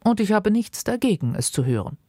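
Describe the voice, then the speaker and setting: A woman acts out a fussy, marriage-obsessed mother in an audiobook reading, insistent and gushing. Her voice climbs well above a low, slightly husky base. It swoops widely and sounds dry and close. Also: very animated, brisk, dark tone, no room sound. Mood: eager, insistent. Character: fussy excitable middle-aged mother eager to marry off daughters. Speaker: reader.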